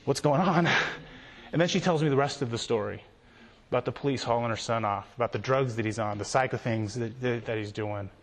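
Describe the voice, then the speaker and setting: A man speaking as a youth pastor, telling stories in an animated way and often repeating himself. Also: mid-range voice, quick pace. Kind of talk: storytelling conference talk. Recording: long hall reverb.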